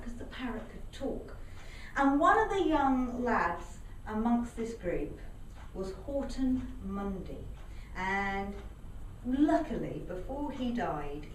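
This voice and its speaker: A woman telling a local folk story aloud to a live audience, in a lively, animated way. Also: mid-range voice. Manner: lively, animated, voices characters. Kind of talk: live oral storytelling performance. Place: indoor storytelling venue. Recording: echoey room, mic far off, faint background noise.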